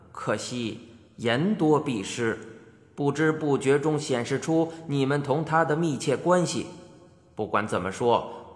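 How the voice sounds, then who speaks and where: A storyteller voicing a calm, wise male heavenly emperor in an audiobook, speaking slowly and evenly. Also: mid-range voice, echoey room, big-room sound, pitched below the performer's own voice, natural voice. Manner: slow, measured, level-headed.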